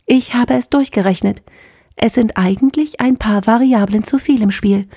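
A woman reading an audiobook, voicing an emotionless shipboard artificial intelligence in a flat, calculating manner. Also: on the high side, normal speed, slightly rough, dry recording, clean studio sound, pitched above the performer's own voice. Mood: matter-of-fact. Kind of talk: audiobook character voice.

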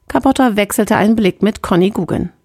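A woman narrating a science fiction audiobook in a clear, even storytelling manner. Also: medium pitch, brisk, no echo, studio quality. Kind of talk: scripted narration.

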